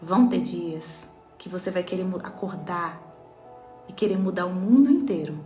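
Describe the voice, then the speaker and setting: A woman with a Brazilian Portuguese accent and a fairly low, dark-toned voice gives an earnest, emphatic inspirational talk on faith as a mentor, addressing her listeners directly at a moderate pace. Faint music plays in the echoey room.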